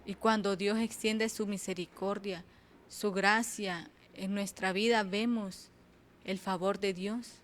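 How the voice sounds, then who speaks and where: A woman's voice: medium pitch, fairly even intonation. A woman preaching a sermon at an intercession program, reading Bible passages aloud and often asking "¿verdad?" as she goes. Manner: slow, repeats "¿verdad?", reads scripture louder and slower.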